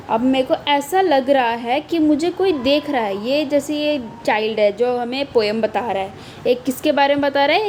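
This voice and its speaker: A woman's voice: a little high, darkish tone, slight background noise, poor audio. A young woman teacher, explaining a poem line by line, reading each line aloud and repeating the meanings.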